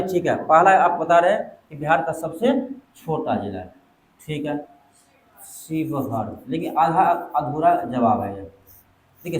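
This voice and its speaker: High-voiced teacher. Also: male voice. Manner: quizzes students, quick back-and-forth questions. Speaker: exam coaching teacher. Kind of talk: classroom lecture. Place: classroom. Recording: echoey classroom.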